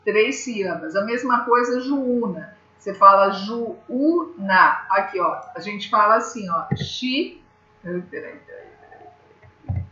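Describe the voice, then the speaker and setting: A woman's voice: medium pitch, unhurried, sharp tone. A woman teacher from Brazil giving a grammar lesson, patiently explaining step by step and checking in with her students. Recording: echoey room, slightly dull sound.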